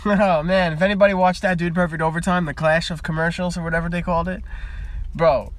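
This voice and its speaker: Young male streamer, casual and rambling, a touch higher than most, talking into a phone in his parked car. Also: steady tone, fast, no room sound. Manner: rambling, chatty, easily sidetracked. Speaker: live streamer. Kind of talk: casual live-stream chat.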